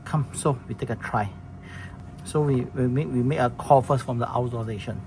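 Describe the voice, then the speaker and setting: In a noisy room, a product demonstrator with a mid-range voice talks at normal speed, guiding viewers through a product setup. It's a casual walkthrough in plain language, broken up by frequent restarts and fillers.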